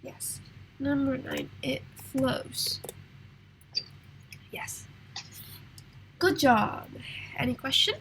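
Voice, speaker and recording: A woman leads an online English lesson in a high, bright voice roughened by a sore throat. She talks slowly and patiently, reading exercises aloud and encouraging her students over a video call. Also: very animated, in a whisper, poor audio. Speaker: English teacher. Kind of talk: online class teaching.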